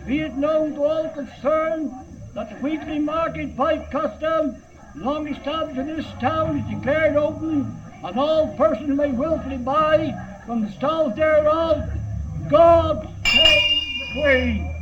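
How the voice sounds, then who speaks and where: An older Welsh man calling out a town crier's proclamation in loud, ceremonial, drawn-out phrases. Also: very high-pitched, highs cut off. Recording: noisy old archive field recording.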